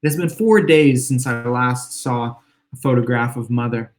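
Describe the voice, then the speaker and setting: An author reads his own first-person literary fiction in a home room with exposed brick. His voice is slightly hoarse and worn, middle in pitch, and he takes the lines at an unhurried, measured and reflective pace.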